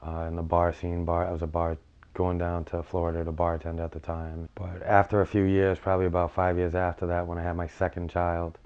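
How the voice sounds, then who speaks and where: Very deep, smooth male firefighter reminiscing. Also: completely flat delivery, brisk, a little mellow, muffled recording. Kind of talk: reflective personal interview storytelling.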